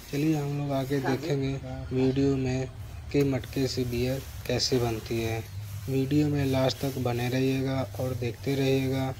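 A man's voice: medium pitch, rough recording. A man giving a plain, explanatory voice-over for a video, asking viewers to comment and subscribe. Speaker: video narrator. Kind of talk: voice-over narration.

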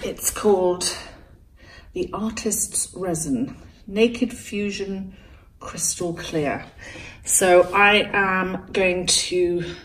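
A woman's voice: mid-range voice, fairly even intonation, a bit bright, rough recording. A woman casually narrating a painting project step by step, thinking aloud as she works. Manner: chatty, thinking aloud while working, slow-paced. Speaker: art vlogger.

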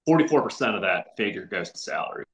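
Over a casual video call, a middle-aged podcast guest talks earnestly from a windowed room at home, often restarting sentences and using fillers. He speaks fast in a lowish, slightly bright voice with lively intonation, and the recording has a roomy echo.

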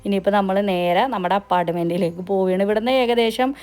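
Fast-talking Kerala woman vlogger mixing in English. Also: mid-range voice, a little mellow, clear, resonant tone. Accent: Kerala Malayalam. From Kerala, India. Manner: chatty, mixes English words into Malayalam. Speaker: travel vlogger. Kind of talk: casual vlog narration.

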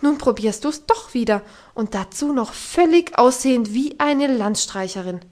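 A woman reading as a strict housekeeper, loud and high-strung, firing off indignant scolding in a storybook reading. The voice sits high and keeps up its outraged scolding. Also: animated, normal speed, close to an everyday voice. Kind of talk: audiobook reading.

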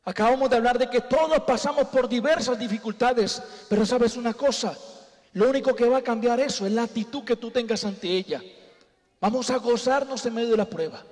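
A man's voice: very high voice, a little fast, a little mellow. A man preaching a humorous sermon, telling jokey stories and calling the congregation his brothers. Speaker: comedian preaching at church. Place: church sanctuary. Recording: long church hall reverb.

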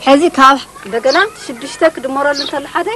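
A woman's voice: high-pitched, rapid-fire, a crowd in the background. A woman teacher drilling children in sums, repeating answers, in an open classroom hut.

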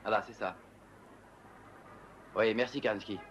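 A man's voice: fairly low pitch, steady tone, measured pace, lo-fi sound, slight background noise, close to an everyday voice. An actor dubbing a polite, hesitant man, new to the neighborhood, who fumbles through his words. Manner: hesitant, polite, many fillers.

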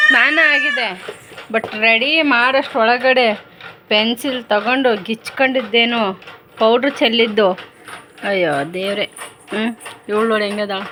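Young woman, home vlogger, a mother chatting and scolding her little ones, higher pitch, noisy phone audio. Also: pushed and bright. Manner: chatty, coaxing and scolding her small children. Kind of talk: casual home vlog.

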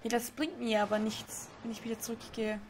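A woman's voice: on the high side, fairly even intonation, fairly quick, noisy background. A young woman streaming a game live, chatting with her chat, laughing often and getting confused. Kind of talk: live let's play with chat reading. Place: home room.

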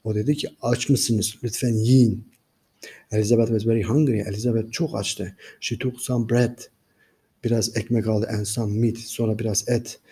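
Low husky Turkish-accented teacher. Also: male voice, steady tone, brisk, dark tone. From Turkey. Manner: reads a line in English then explains it in Turkish, addressing the class. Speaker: English teacher. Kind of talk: reading a graded reader aloud and translating.

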